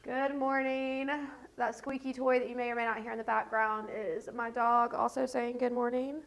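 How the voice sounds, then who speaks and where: A woman's voice: fairly high pitch, little pitch movement, normal speed, creaky, rough recording. A woman in her thirties, congested and stuffy-nosed, chatting in a rambling way with lots of fillers as she hosts a get-ready-with-me vlog from home. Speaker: beauty vlogger host. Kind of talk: casual get-ready-with-me chat.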